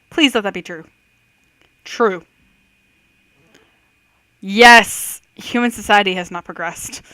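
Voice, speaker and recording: A woman's voice: medium pitch, fairly bright tone, smooth, no room sound. A woman giving casual, chatty commentary on a quiz game, reading questions aloud and reacting with self-doubting thoughts. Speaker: host of a let's-play quiz video.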